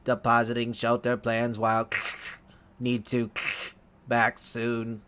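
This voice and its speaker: A man voicing an in-game computer, reading a log in a slow, even, mechanical monotone. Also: medium pitch. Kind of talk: let's play gameplay commentary.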